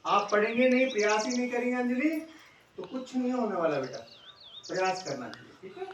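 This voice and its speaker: Sitting high and sounding animated, this middle-aged schoolteacher talks a little fast with a fairly bright tone. He coaxes his pupils, repeatedly asking "है ना?" to check in. The room is echoey, the mic far away, and there's faint noise.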